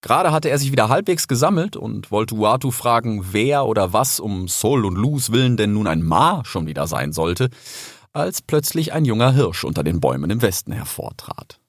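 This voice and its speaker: A man narrating a children's animal story as an audiobook, in an expressive storytelling manner. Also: fairly low pitch, normal speed, no room sound, studio quality.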